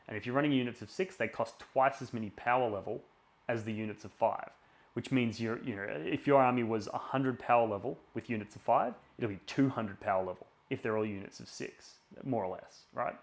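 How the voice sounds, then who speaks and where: A man hosting a live stream in an informal, opinionated way, thinking aloud as he chats to viewers. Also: medium pitch. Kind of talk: casual live stream chat, explaining tabletop game tactics and running a giveaway.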